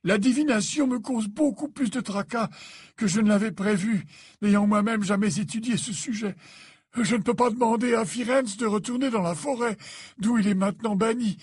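A man voicing an old headmaster wizard who speaks in a measured, patient, slightly tired way. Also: high voice, a little mellow, breathy edge, no room sound, clean studio sound, pitched above the performer's own voice. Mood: weary patient. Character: old male headmaster wizard, weary and gently formal.

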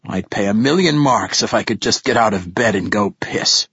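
A man putting on a cranky old poet, ancient and foul-mouthed, grumbling his curses in a husky, mumbling rasp. The voice sits low, and the recording is dry and slightly dull. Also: expressive, normal speed, a bit bright, dry recording, heavily acted. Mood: grumpy. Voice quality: raspy, mumbling.

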